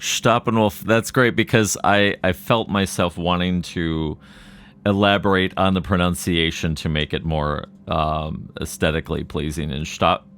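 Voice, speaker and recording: A man hosting a music podcast, reading a polished introduction and then chatting with his guest in a relaxed way. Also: sits low, unhurried, clean tone. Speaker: podcast host. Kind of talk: podcast interview.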